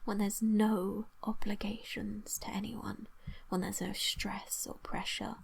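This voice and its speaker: Close to the microphone, a woman leads an ASMR hypnosis session in a breathy whisper, coaxing the listener with repetitive suggestions and lingering pauses. Her voice sits in the mid range with little pitch movement.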